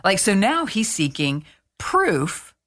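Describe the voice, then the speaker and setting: A woman host telling a story in casual chat, animated and blunt, swearing freely. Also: medium pitch, slow.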